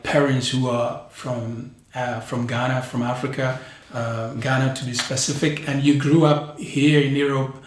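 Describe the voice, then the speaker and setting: A man hosting a podcast interview in a studio, rambling through his questions with many restarts and repeats. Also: mid-range voice. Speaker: podcast host. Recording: very echoey studio with faint music.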